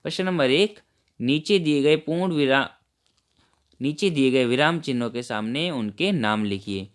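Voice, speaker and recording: Man, teacher, worksheet lesson for kids, smooth clear voice, medium pitch, patient step-by-step explaining. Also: moderate pace.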